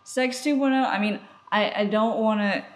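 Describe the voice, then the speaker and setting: A woman co-hosts a podcast, chatting casually and informally at normal speed in a mid-range voice.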